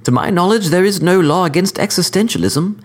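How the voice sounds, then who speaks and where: A man voicing a sophisticated male killer who speaks with cordial, precise, lecturing calm. The figure's voice sits well above the man's own voice. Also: high voice, a little fast, voice pushed up. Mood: cordially smug. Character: suave cordial male hitman, smug, sophisticated.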